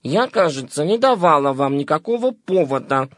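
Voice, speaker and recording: A shy, prim stocking garter who keeps a suitor at arm's length, played by a man. Her voice rises high and coy, with a husky edge. It is recorded dry and close. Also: big pitch swings, moderate pace, no room sound. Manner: coy, primly refusing.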